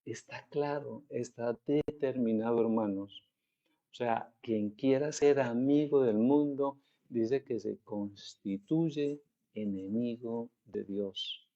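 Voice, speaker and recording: A Colombian male pastor with a Colombian Spanish accent preaches a sermon slowly and deliberately, stretching out the scripture he quotes. His mid-range voice is warm, and the sound is lo-fi.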